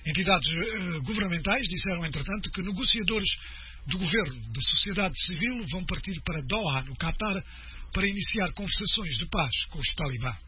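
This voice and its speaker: A man presenting the radio news in a steady, formal read. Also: high-pitched, a little fast. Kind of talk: scripted radio news reading. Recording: muffled radio broadcast with faint noise.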